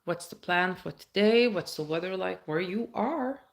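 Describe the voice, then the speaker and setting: A woman's voice: on the low side, animated, normal speed, vocal fry. A woman from the states, chatting casually on a phone live stream, reading viewer comments aloud and answering them. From Baltic states.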